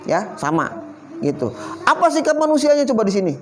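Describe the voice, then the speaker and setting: A man's voice: very high-pitched, big pitch swings, fairly quick, a little hiss or hum. A man teaching a Quran study session, reciting Arabic verses and firing questions at his audience in casual slang. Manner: quizzes the audience with constant questions. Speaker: Islamic religious teacher. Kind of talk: Quran study talk to a youth group.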